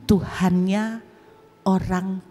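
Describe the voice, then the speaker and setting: A woman preacher voicing a gentle, loving male divine voice, speaking slowly and softly. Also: mid-range voice, little pitch movement, big-room sound, a little hiss or hum. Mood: tender. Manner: slow, soft, drawn-out speech.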